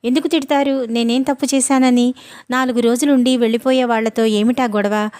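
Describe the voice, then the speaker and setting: A woman voicing a stubborn, sharp-tongued teenage girl who is studying for exams, in a storybook reading. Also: a little high, steady tone, a little fast, smooth, lightly acted. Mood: defiant. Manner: sharp, defiant.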